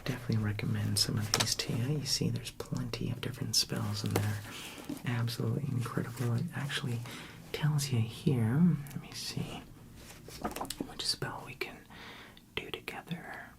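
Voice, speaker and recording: A man performs a whispered role-play as a friendly librarian. His library whisper is soft and breathy with a gravelly, fry-laden edge. He speaks gently and unhurriedly, with chatty asides straight to the listener. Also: medium pitch, steady tone, moderate pace.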